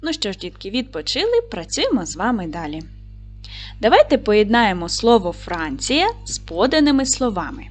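A woman teacher giving a video lesson for young pupils, with clear, patient instructions and pauses for tasks. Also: mid-range voice, big pitch swings, faint music behind. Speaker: primary school teacher.

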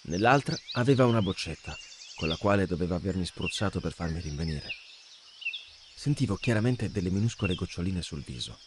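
A man narrating a fantasy novel as an audiobook, reading in an expressive, dramatic way. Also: sits low, a little fast, noisy background. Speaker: audiobook reader.

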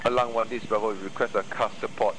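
A man's voice: lowish voice, steady tone, fast, a bit bright, a little hiss or hum. A man with a Malaysian accent making clipped radio calls with call signs in a military game, heard over a distant helmet radio. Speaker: player on a squad.

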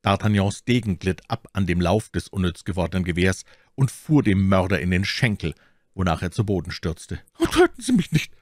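Man, audiobook narrator, measured storytelling, fairly low voice, dry close recording. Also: no room sound. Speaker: audiobook reader.

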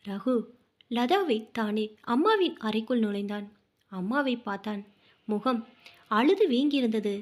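A woman narrating a family drama story in a dramatic, expressive reading. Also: a little high, unhurried, pauses often.

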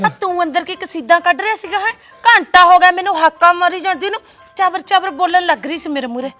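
A woman with a Punjabi accent acting a sharp-tongued, quarrelsome village wife in a comedy short film. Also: very high voice, fast talker. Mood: scolding. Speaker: actor playing a quarrelsome wife.

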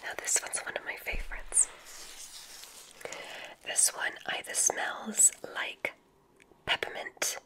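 This rough recording features a woman voicing an encouraging witch examiner at a magic academy for ASMR. Her breathy, calming whisper moves slowly with purposeful pauses and quiet enthusiasm.

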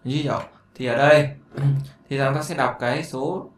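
A man's voice: medium pitch, steady tone, moderate pace. Chatty man teaching English, echoey room. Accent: Vietnamese. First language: Vietnamese. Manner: chatty, repeats words often, breaks in with fillers and asides. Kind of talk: explaining a beginner English lesson. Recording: echoey room with faint noise.

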